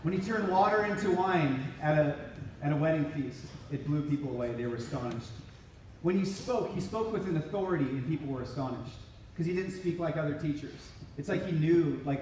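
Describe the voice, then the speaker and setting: Middle-aged male speaker, lively storyteller, slightly high voice, booming hall sound from a distance. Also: brisk, a little hiss or hum. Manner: storytelling, animated, acts out quoted lines. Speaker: regional ministry director. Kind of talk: inspirational talk to a conference. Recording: echoey hall from off-mic.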